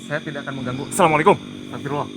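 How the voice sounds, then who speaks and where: A man's voice: medium pitch, huge pitch swings, racing, noisy background. Man hunting ghosts outdoors at night. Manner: hushed and tense, muttering prayers and pleading. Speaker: paranormal investigation host. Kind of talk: live ghost-hunting commentary. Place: outdoors at night among trees.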